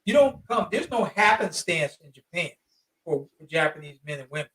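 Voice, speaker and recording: A man in his fifties with a notably high voice, talking as an interview guest. His delivery is animated and slangy, and he leans hard on his points. He sits a little back from the microphone. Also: moderate pace, distant mic, low-quality recording. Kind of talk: casual storytelling.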